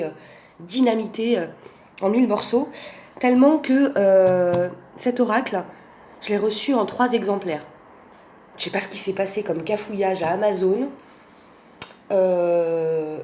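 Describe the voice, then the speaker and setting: A woman's voice: mid-range voice, darkish tone. Effusive woman with a Portuguese accent. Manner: effusive, many fillers and restarts. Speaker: oracle card reviewer. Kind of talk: casual unboxing vlog. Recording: roomy home recording with faint background noise.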